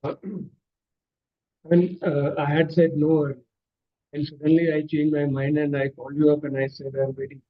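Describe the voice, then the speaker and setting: A man giving a measured seminar talk over a video call whose audio keeps glitching and breaking up. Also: fairly high pitch, little pitch movement, narrow, tinny audio. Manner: measured, with polite thanks and restarts. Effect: glitching, breaking-up online call audio. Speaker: seminar speaker.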